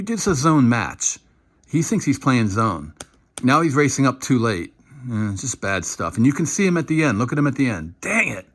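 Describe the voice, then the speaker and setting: Animated man breaking down game film. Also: medium pitch. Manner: animated, acts out players' shouts. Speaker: football analyst.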